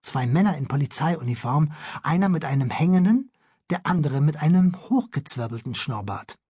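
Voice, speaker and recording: A man reading a children's audiobook aloud in a playful, expressive way. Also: a little high, moderate pace, breathy edge, no echo, clean studio sound. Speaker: audiobook narrator.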